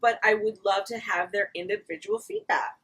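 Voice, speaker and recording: A woman's voice: medium pitch, steady tone, moderate pace, a bit bright, breathy edge, recorded from a distance, poor audio. A woman in casual comedic chat, telling stories in a wry, candid way.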